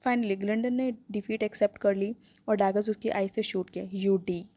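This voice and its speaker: A woman's voice: medium pitch, fairly even intonation, moderate pace, warm tone, no room sound. A woman narrating a romance novel as a casual storytelling recap, mixing in English words.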